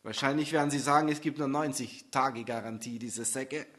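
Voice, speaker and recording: A man voicing a grumpy, oblivious man who mutters gruffly about his car troubles. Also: medium pitch, normal speed, fairly bright tone, voice pushed down, close to an everyday voice. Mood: grumbling.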